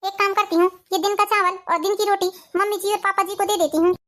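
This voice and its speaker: Shrill scheming cartoon wife, quick and pushy, woman voicing her. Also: fairly even intonation, fairly bright tone. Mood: sly. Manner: persuasive, insistent. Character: scheming young pregnant wife, sharp-tongued. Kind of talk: Hindi cartoon family drama.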